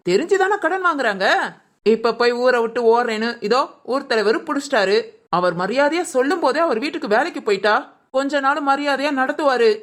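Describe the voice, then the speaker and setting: A woman voicing a spiteful, gossiping village woman in a cartoon drama. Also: high voice. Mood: gossipy. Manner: sneering, gossipy.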